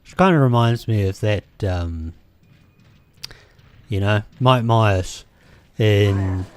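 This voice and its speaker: With a New Zealand accent and a low-leaning, darkish voice, a man takes his time commenting casually on his let's play, his intonation lively. Between game moments he rambles hesitantly, with many ums and restarts, and there's no room sound.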